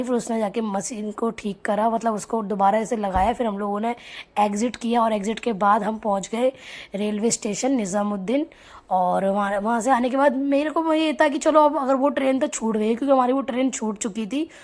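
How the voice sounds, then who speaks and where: A woman's voice: fairly high pitch, fairly even intonation, fairly quick, a little mellow. A young woman from Agra, India, narrating her day in a chatty casual vlog and talking straight to her viewers. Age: young adult. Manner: chatty, addresses viewers directly. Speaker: vlogger.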